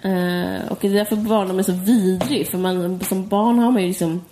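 A woman's voice: medium pitch, fairly even intonation, mellow, soft background music. A woman co-hosting a podcast, thoughtful and a bit hesitant. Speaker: podcast co-host. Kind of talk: casual chat.

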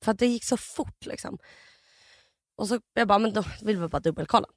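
A woman's voice: mid-range voice, dry recording, studio quality. A young woman co-hosting a podcast, telling a story animatedly with lots of fillers and acted-out quotes. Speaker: podcast co-host.

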